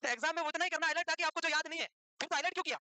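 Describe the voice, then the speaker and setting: Fast, bright-voiced woman teacher. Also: very high-pitched, no echo, poor audio. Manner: quizzes students and answers her own questions; teasing, scolding banter with students. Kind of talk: classroom lecture for nursing exam prep.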